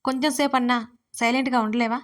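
A woman voicing a sharp-tongued middle-aged mother who scolds her grown daughter nonstop, in a storybook reading. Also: fairly high pitch, fairly even intonation, fast talker, lightly acted. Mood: scolding.

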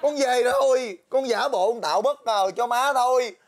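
A woman's voice: fairly high pitch, moderate pace, close to an everyday voice. A woman playing a wailing, overdramatic son. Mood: relieved. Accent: Southern Vietnamese. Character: distraught grown son, emotional and dramatic. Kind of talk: comedy skit acting. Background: loud music.

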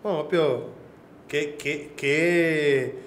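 A man's voice: fairly high pitch, extremely slow, echoey room. A young man co-hosting a stream, joking in casual banter. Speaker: co-host. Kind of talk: casual chat. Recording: faint background noise.

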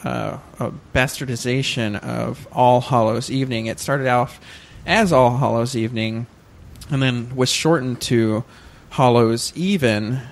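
A man's voice: medium pitch, a little slow, vocal fry. A man on a casual podcast recounting what he researched, hesitant and often correcting himself with fillers. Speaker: podcast co-host.

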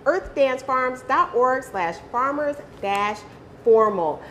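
A woman's voice: high voice, lively intonation, slow, a bit bright, a little hiss or hum. A woman hosting a live morning TV segment on a studio kitchen set, upbeat and echoing her guest's words. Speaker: TV morning show host. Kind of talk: live TV interview.

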